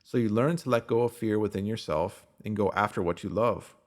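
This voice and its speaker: Reading from a script, a lowish-voiced male narrator guides the listener through a spiritual self-help piece, addressing them directly in a calm, measured, instructive tone.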